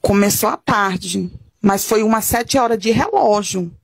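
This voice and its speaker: A woman's voice: medium pitch, measured pace, gravelly, breathy edge, no echo. A woman giving an emotional testimony in an interview, retelling events vividly and repeating herself. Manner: vivid, repetitive storytelling.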